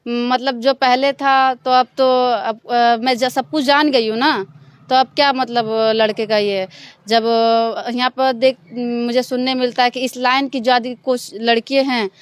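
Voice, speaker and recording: A young woman from Bihar, answering interview questions in a casual, halting way full of fillers. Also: fairly high pitch, steady tone, clean tone. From Bihar, India. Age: young adult. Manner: halting, many fillers and restarts. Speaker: stage dancer, interview guest.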